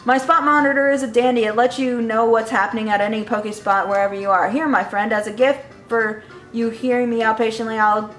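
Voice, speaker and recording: A woman's voice: a little high, echoey room, natural voice. A woman voicing a boastful male inventor, reading game text aloud in a showman tone and now and then stumbling over words.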